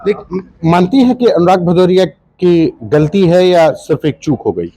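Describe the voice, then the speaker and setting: A man's voice: high voice, very animated, moderate pace, mellow, low-quality recording. A man reporting for television news, asking brief pointed questions in a field interview.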